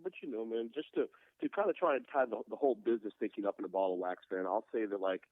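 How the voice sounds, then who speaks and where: A man's voice: on the low side, quick pace, no room sound. A man in his late thirties, a guest glassblower talking business in an earnest, reflective way, calling in by phone. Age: 30s. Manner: earnest, reflective, frequent "man" and "you know". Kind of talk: casual podcast conversation. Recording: tinny phone line.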